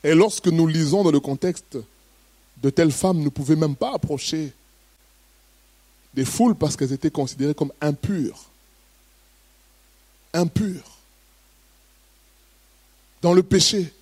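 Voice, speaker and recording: A man's voice: a little high, moderate pace, darkish tone, dry recording. A man preaching a sermon, first reading a Bible passage steadily, then preaching with emphatic, rising bursts.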